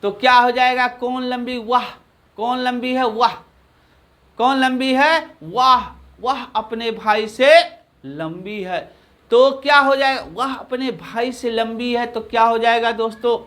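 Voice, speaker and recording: A man with a Hindi accent teaching an English grammar lesson, repeating phrases slowly and answering his own questions. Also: extremely high pitch, fairly bright tone.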